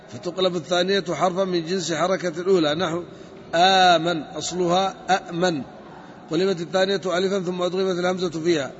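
A man with a high voice teaches a grammar lesson, working through each step and stretching out the word forms as he repeats them. The recording is dull and lo-fi, with a long reverb hanging over his voice. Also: slight background noise. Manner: methodical, repeats and spells out word forms slowly.

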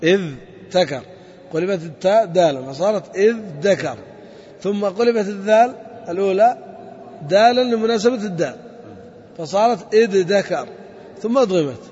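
A high-voiced man leads a classroom grammar lesson, breaking each rule into steps and tossing short questions to his students. The recording is dull and lo-fi, with his voice ringing through a long hall reverb. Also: normal speed, pauses often, darkish tone. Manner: explains step by step, quizzing students with short questions. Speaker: Arabic grammar teacher. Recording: echoey hall, dull lo-fi sound.

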